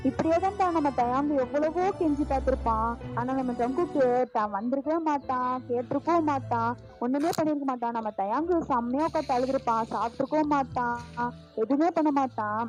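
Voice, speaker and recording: A woman's voice: sits high, brisk, darkish tone. A woman narrating a fan fiction story in a chatty, casual way, talking familiarly to her listeners. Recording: lo-fi voice with music behind.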